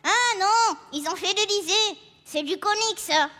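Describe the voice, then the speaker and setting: A man voicing a brash, vain, boyish ventriloquist puppet with a squeaky, childlike puppet voice in a comedy act. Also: moderate pace, pushed and bright. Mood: cheeky. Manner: cheeky, teasing.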